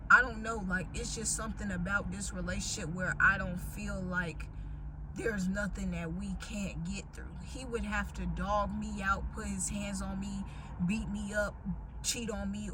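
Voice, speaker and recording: A woman's voice: medium pitch, background noise. An American woman in her twenties rants casually and candidly to viewers, swearing freely in emphatic, slangy speech. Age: 20s. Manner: slangy, profanity-heavy, emphatic. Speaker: vlogger.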